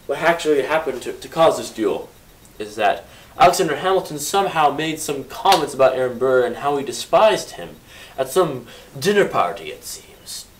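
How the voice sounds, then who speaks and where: Lively playful man telling history. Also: medium pitch, moderate pace, a little hiss or hum, poor audio. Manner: playful, theatrical storytelling with sudden loud bursts; self-correcting, with asides and joking corrections. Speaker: history presenter. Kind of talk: casual history lesson.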